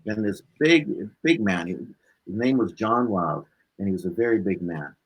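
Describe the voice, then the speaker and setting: Speaking at a moderate pace with a fairly low pitch and a breathy edge, a man comes through on a muffled recording. He's a blues musician being interviewed, casually and animatedly recounting anecdotes, performing snippets of dialogue, and tagging lines with "right?".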